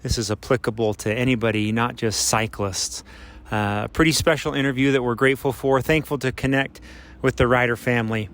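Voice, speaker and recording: A man hosting a podcast, giving an upbeat, brisk introduction and team announcements with frequent fillers. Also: mid-range voice, steady tone, fairly bright tone. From Utah. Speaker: podcast host.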